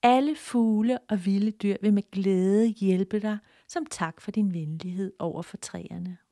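A woman voicing a small magical forest man who speaks solemnly and at times hushed. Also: mid-range voice, no echo, clean studio sound, natural voice.

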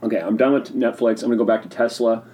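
A man hosts a casual solo podcast, rambling eagerly and voicing strong opinions. His voice is mellow and dark, set at an average pitch. He talks in an excitable rush and sips a drink between points. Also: quick pace. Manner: sipping a drink while talking. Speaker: podcast host.

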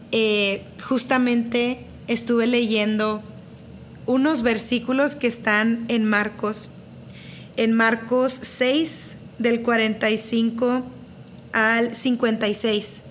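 A woman's voice: on the high side, slight background noise. A woman, casually telling a personal story to camera, dramatic and self-mocking, repeating phrases for emphasis. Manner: lively, dramatic retelling with self-deprecating laughs.

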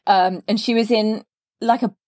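Hosting a podcast as an English teacher, a woman reads a scripted opening with guitar music beneath it, then slips into a casual, enthusiastic chat with her guest, laughing frequently. The studio-quality recording has no echo, and her medium-pitched, darkish voice moves at normal speed with fairly even intonation.

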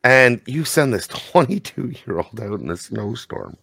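Laughing thirty-something man, lively pitch. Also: measured pace, gravelly, dry recording. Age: 30s. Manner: animated storyteller, laughs often. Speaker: podcast co-host, tow operator. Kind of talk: casual chat.

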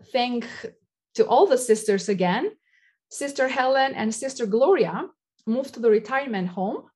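A woman's voice: fairly high pitch, darkish tone. A woman with an Albanian accent and non-native English phrasing, speaking earnestly in an interview as a shelter coordinator.

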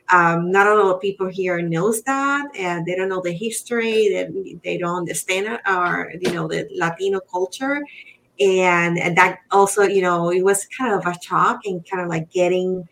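A middle-aged Puerto Rican woman with a Spanish accent is a guest on a podcast, talking about her work as a real estate professional in a casual interview. Her voice is on the low side and fairly bright, at a moderate pace, and she answers earnestly and reflectively, often searching for words. The recording quality is low.

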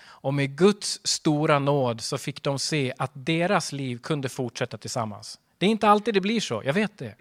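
A man's voice: fairly high pitch, animated, a bit bright. A man preaching a sermon as pastor, earnest, with rhetorical questions and emphatic swells.

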